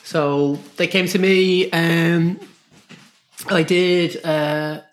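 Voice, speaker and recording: An Irish man in a casual interview as a guest artist, explaining his work in a halting, repetitive way. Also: fairly high pitch, fairly even intonation. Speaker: guest artist and screen printer.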